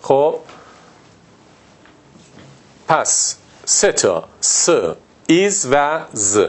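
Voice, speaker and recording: A man from Iran teaching a pronunciation lesson, explaining step by step and repeating example words slowly. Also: fairly high pitch, big pitch swings. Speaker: English teacher.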